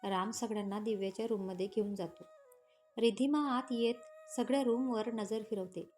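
A woman storyteller narrating a romantic story in a steady, plain reading style. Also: mid-range voice, normal speed, soft background music.

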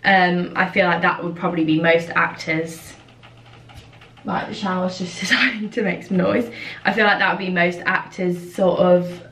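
Young woman, twenties, casual makeup chat, lots of fillers, lowish voice, distant mic in a roomy space. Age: 20s. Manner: chatty, with frequent fillers. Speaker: vlogger.

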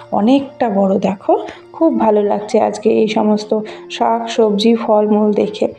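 A woman in her thirties from Bengal, chatting to viewers on a casual village vlog as she walks through a garden filming on her phone. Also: on the high side. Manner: chatty, gently enthusiastic, talks to viewers while showing things. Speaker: village vlogger. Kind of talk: casual walking vlog narration. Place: outdoors in a rural garden and fields. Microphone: handheld phone camera.

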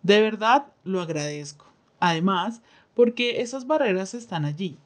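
A woman interprets a signed interview aloud, speaking in the first person for the signer. Her voice sits at an ordinary middle pitch. She keeps a measured, steady pace with short pauses between phrases. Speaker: sign language voice interpreter.

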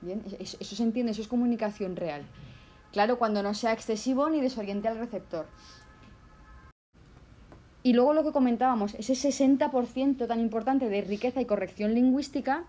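Speaking briskly in a slightly high, mellow voice over soft background music, a Spanish woman with a Zaragoza accent teaches a casual video language lesson. She chats freely, with plenty of fillers and restarts, and acts out her examples.

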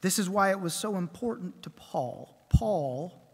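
A man preaching a sermon at a pulpit microphone, measured and emphatic, building his points with repeated phrases. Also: high voice, animated, vocal fry, darkish tone, breathy edge. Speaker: pastor. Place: church sanctuary. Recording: long church reverb.

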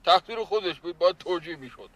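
A man's voice: sits high, animated, fairly bright tone, dry recording, poor audio. An actor playing a lovestruck, boastful male caretaker who talks of love in flowery words in a sitcom. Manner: doting, flowery talk of love, calls others "baba jan". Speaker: caretaker in love with a young woman. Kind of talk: sitcom acting.

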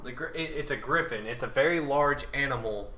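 Man, game master, casual tabletop chat, bright voice, middle pitch. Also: brisk, a little hiss or hum. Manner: loose, filler-heavy.

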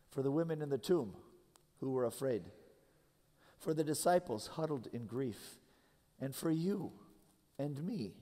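A man in his thirties delivers a sermon in a church sanctuary, earnest and measured, drawing out the phrases he wants to land. His voice sits at an ordinary middle pitch. The sound carries a long hall reverb from the big room. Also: dark tone. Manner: earnest preaching with slow, stressed phrases. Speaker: pastor.

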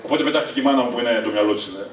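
A middle-aged man from Thessaloniki, Greece, telling funny family stories live on stage, animated and leaping to a high excited pitch at punchlines. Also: far from the mic. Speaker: stand-up storyteller. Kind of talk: live stand-up storytelling. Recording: echoey room, voice from afar.

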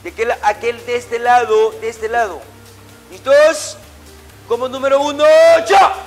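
Soft music plays as a middle-aged man with an extremely high pitch speaks a little slowly. He instructs a martial arts class in an indoor gym with a matted floor, calling drills and giving short, commanding corrections and orders again and again.

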